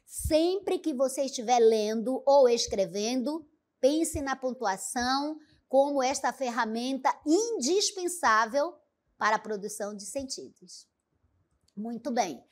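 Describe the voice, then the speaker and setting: A woman teaching a grammar lesson, reading examples aloud with exaggerated intonation and often checking in with the listener. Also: high voice. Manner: didactic, checks in with "né?" and "certo?".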